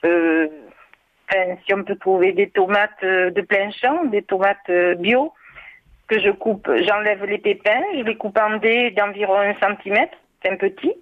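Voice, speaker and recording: A woman from southwest France with a Bordeaux-area accent, calling in and explaining a recipe in a hesitant way, with many filler pauses. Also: mid-range voice. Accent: Bordeaux-area French. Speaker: caller. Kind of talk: call-in recipe chat. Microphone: telephone. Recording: tinny phone line.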